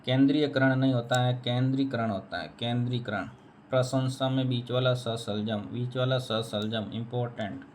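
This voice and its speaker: A man's voice: medium pitch, fairly even intonation, moderate pace, a little hiss or hum. A man teaching a spelling lesson, repeating each word and answering his own questions. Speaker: Hindi teacher.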